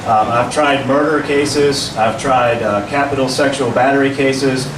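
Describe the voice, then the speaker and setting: A man in his forties speaking as a judicial candidate at a public forum, measured and earnest, with fillers when answering questions. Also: mid-range voice, fairly even intonation. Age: 40s. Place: meeting room at a public forum. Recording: roomy, distant, noisy room recording.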